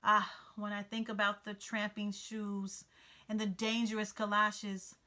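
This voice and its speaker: A woman's voice: mid-range voice, bright, forceful tone. A woman voicing a fussy, sentimental male mouse who talks in a whiny, pitiful, dramatic way, reading a storybook aloud. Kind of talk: storybook read-aloud character voice.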